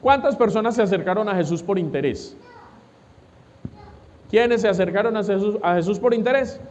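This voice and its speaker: High-voiced pastor preaching. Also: male voice, moderate pace, darkish tone, dull audio, a little hiss or hum. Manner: preaching, asks the congregation questions and answers them. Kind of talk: sermon.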